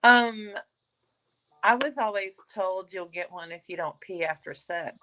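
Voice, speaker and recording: Bright-voiced woman, close and dry. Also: mid-range voice, unhurried, dry recording, poor audio. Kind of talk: casual chat.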